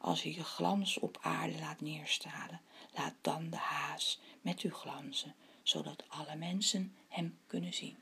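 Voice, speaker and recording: A woman reading the part of a wise, solemn speaking sky in a storybook tale, softly and breathily. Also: sits low, steady tone, a little slow, gravelly, breathy edge, voice pushed down, full character voice.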